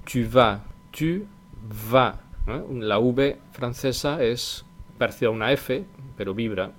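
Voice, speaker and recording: A man teaching a language lesson, explaining slowly and repeating example phrases, often ending a point with a quick "eh?". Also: medium pitch. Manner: tag question "eh" after points. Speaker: French teacher.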